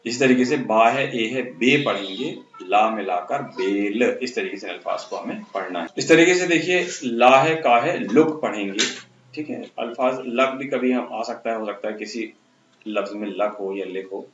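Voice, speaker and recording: Man slowly sounding out letters for children. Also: mid-range voice, fairly bright tone. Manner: sounds out letters slowly, then speeds through explanations. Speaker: teacher. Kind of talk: spelling lesson for young children. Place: school classroom. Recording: muffled, roomy with faint hum.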